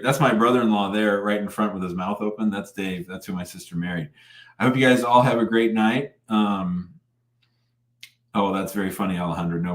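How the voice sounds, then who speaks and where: A man with a fairly deep voice hosts a casual live show. He talks bluntly and informally, restarting phrases as he goes, and the sound is noticeably echoey. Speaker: live show host and lawyer. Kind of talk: casual live call-in chat. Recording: roomy, echoing sound.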